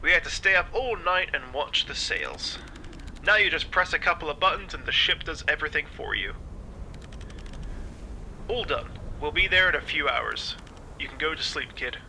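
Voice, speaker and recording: Bossy old sea dog, forceful. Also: male voice, a little high, lively intonation, moderate pace, a little hiss or hum, exaggerated voice. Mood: grumbling, nostalgic. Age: older. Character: gruff old sailor, bossy mentor to a rookie. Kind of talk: video game character acting.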